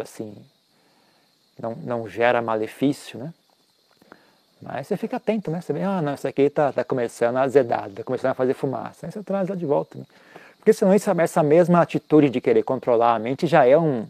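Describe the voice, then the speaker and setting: A man giving a relaxed Buddhist teaching, often ending phrases with a questioning tag and restarting his words. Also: medium pitch, no echo. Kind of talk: dharma talk.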